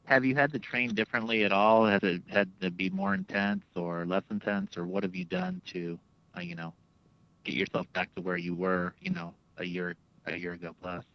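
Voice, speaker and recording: Male journalist, very low voice, phoning in questions over a slightly muffled line. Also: level tone, moderate pace. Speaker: reporter. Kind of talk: press question on a conference call. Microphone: telephone. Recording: dull, lo-fi phone line.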